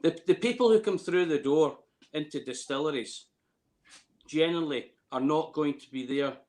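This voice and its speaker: A man's voice: on the high side, moderate pace, darkish tone. A man in his late fifties from Scotland with a Scottish accent, chatting casually in an interview in a hesitant, rambling way, repeating words as he goes. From Scotland, near Glasgow. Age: late 50s. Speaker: distillery warehouse tour guide.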